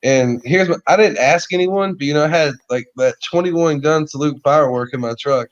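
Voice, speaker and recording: A man's voice: a little high, a little fast, highs cut off. A man telling a story in casual podcast chat, rambling with lots of "like" and "you know", heard over a remote call.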